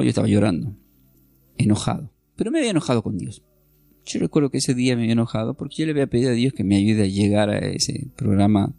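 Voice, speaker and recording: A middle-aged man giving a sermon as a Bible teacher, telling a personal testimony in an animated way and speaking directly to his listeners. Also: fairly low pitch, gravelly, no room sound.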